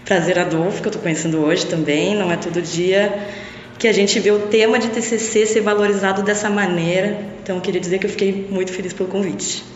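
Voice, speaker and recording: Speaking fairly quickly with fairly even intonation, a medium-pitched young woman from Brazil talks reflectively about her studies as a guest on a podcast, frequently adding small tag questions. It's a casual interview recorded in an echoey, long-reverb lo-fi room with a little hiss or hum.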